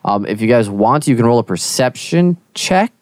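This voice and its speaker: A man running a tabletop game as game master, narrating and checking in with players in a relaxed, easygoing way. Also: mid-range voice, normal speed, no room sound. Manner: relaxed, easygoing, frequent "cool" and "um".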